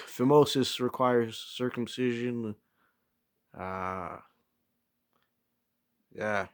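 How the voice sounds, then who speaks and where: A man giving a rambling, casual opinion talk as a solo vlogger, hesitant and often pausing to search for words. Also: mid-range voice, clean tone.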